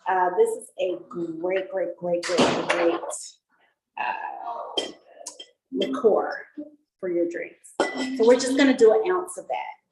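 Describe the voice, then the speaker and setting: Speaking slowly with frequent pauses, a mixology instructor leads a relaxed online cocktail class in a fairly low, darkish voice. She stays chatty and upbeat, explaining each step as she mixes. Echo and faint noise fill the room.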